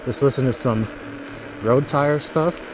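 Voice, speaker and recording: A man's voice: medium pitch, unhurried. A man vlogging casually while riding an electric unicycle on outdoor paths, rambling and swearing loosely, speaking into a helmet-mounted mic. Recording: wind and street noise from riding outdoors.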